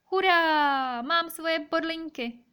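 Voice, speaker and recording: Little hedgehog boy, very high, childlike, storybook, woman reading aloud. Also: a bit bright. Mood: joyful. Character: small sad young male hedgehog.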